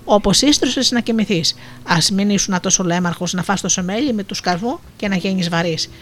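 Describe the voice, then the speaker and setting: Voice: medium pitch, fairly bright tone, faint music behind, lightly acted. A storyteller voicing a sly, cunning female fox, wheedling and moaning theatrically, in an Asia Minor Greek dialect.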